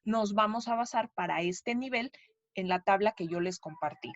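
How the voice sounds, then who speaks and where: A woman's voice: mid-range voice, moderate pace, dry recording. Chatty woman teacher, muffled dry sound. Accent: Mexican Spanish. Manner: patient, chatty, checks in with "¿sí?" and "¿sale?". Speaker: English teacher. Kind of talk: classroom explanation lesson.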